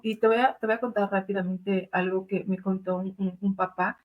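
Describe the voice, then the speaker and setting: A woman's voice: medium pitch, steady tone, brisk, highs cut off. A woman with a Mexican accent, a doula and thanatologist, explaining earnestly in a conversational interview, with many fillers and tag questions. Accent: Mexican Spanish. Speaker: doula and thanatologist, podcast guest.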